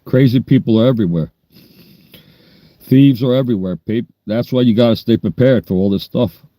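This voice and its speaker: A man's voice: medium pitch, normal speed, dark tone, dry recording. A man, chatting bluntly and rambling on a livestream. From New York. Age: 60s. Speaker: livestream host. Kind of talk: casual livestream chat.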